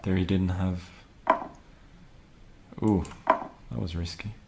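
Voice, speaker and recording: A man casually commenting on his own chess game as he plays, wry and relaxed. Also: low-pitched, takes it slowly, creaky, very noisy.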